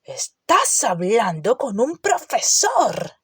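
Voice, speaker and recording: Storybook giant gamekeeper, gruff, growly and loud, put on by a woman narrator; dry, close sound. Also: mid-range voice, expressive, measured pace, no echo. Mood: furious. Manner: growling, roaring, grumbling. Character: huge gruff half-giant gamekeeper man. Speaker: audiobook character.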